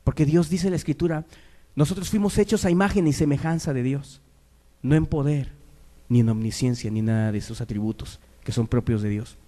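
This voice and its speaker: A man preaching a sermon, moving between quiet, low asides and loud, raised exhortation. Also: a little fast.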